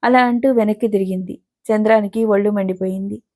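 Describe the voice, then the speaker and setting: A woman storyteller reading a serialized story aloud in a steady, expressive way. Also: mid-range voice, brisk.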